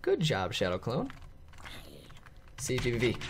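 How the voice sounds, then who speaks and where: Animated, excitable man doing game commentary. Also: medium pitch, unhurried, slight background noise. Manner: excitable, talks to viewers, often laughs. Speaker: gaming channel host. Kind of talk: let's play commentary.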